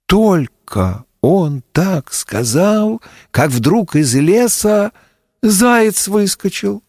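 A man narrating a fairy tale as a storybook reading, slow and expressive. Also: sits high, dry recording, studio quality.

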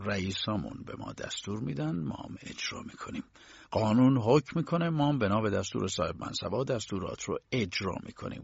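A man voicing a smug low-ranking guard who talks in a low, hushed, clipped way. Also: creaky, slightly rough, no room sound, exaggerated voice. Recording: dull lo-fi dry recording.

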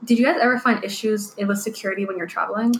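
A Canadian woman in her twenties co-hosting a casual chat, quick and prompting the others to share. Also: medium pitch, echoey room, a little hiss or hum.

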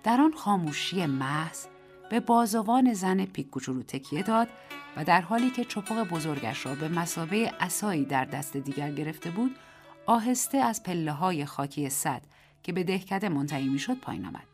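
Lowish woman's voice reading a short story, very expressive, soft music behind. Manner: measured literary reading with lively, dramatic intonation. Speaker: narrator and host. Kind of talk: scripted narration of a short story.

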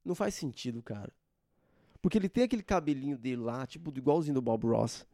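A man's voice: medium pitch, lively intonation, fast talker, mellow, no echo. A young man hosting a solo podcast, ranting in an informal, slangy and sarcastic way into a close mic. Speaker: podcast host. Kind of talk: casual solo podcast rant.

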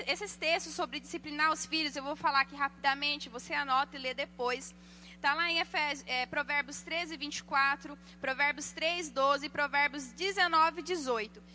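A woman giving a sermon on parenting, telling lively personal stories and acting out the voices of the people in them. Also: high-pitched, slight background noise. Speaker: church speaker.

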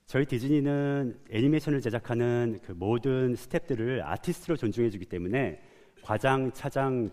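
Korean guy from south korea doing a prepared talk, animator, middle pitch, big hall reverb. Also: darkish tone. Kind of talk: prepared public lecture.

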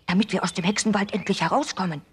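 A woman's voice: mid-range voice, fast, a little hiss or hum, voice pushed up, natural voice. A woman doing an eager little boy.

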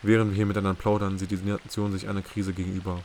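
A man doing an icy, raspy female director. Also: deep voice, level tone, very fast, darkish tone, slight background noise. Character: cold, raspy older female intelligence director.

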